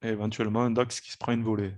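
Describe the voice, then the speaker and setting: A man's voice: fairly low pitch, rapid-fire, no echo, studio quality. A man hosting a live trading stream, giving casual, explanatory market commentary. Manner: relaxed, explanatory, repeats "hein" and "quoi".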